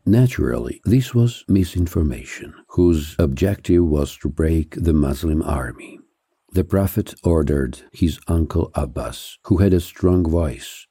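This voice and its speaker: Low, husky male history narrator. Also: no echo, studio quality. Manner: measured, even reading with slowed, stressed lists.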